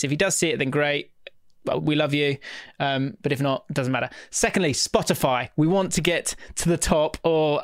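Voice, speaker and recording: A man's voice: fairly high pitch, dry recording, clean studio sound. A man hosting a podcast in a casual, rambling way, gushing and effusive as he appeals to his listeners. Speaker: podcast host.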